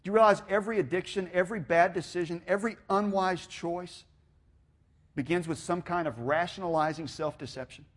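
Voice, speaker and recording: A pastor delivering a sermon with an emphatic, repetitive preaching cadence, telling stories with acted-out dialogue. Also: male voice, high-pitched, brisk, fairly bright tone.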